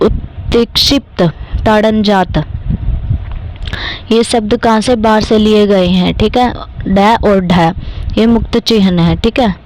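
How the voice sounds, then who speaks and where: A woman's voice: medium pitch, a little mellow, a little hiss or hum, low-quality recording. A young woman from India with a Haryanvi-tinged Hindi accent, teaching an exam-prep grammar lesson step by step and often checking in with "theek hai". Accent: Haryanvi-influenced Hindi. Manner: occasionally clears throat.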